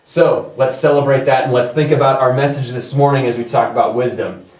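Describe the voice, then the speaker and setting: A man's voice: medium pitch, fairly even intonation, brisk, darkish tone. Playful man talking in a roomy church. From not Scotland. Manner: jokey back-and-forth with the congregation. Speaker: church leader giving a children's talk. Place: church hall. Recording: roomy church sound from a distance.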